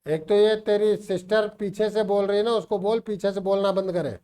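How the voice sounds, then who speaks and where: A man teaches math in a classroom with online students joining, mixing Hindi and English and coaxing and teasing students by name to check they understand. His high voice is smooth and dark-toned, with fairly even intonation and a moderate pace.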